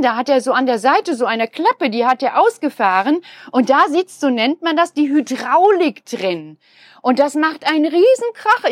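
A woman hosting a kindergarten podcast, excitedly narrating a delivery to children from a building entrance. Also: a little high, no echo, clean studio sound. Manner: excited, breathless reporting. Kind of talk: live commentary for children. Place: at a kindergarten entrance, partly outdoors by a truck.

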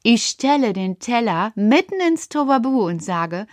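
A woman narrating a children's story in first person, animated and speaking directly to young listeners. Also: fairly high pitch, normal speed, no echo.

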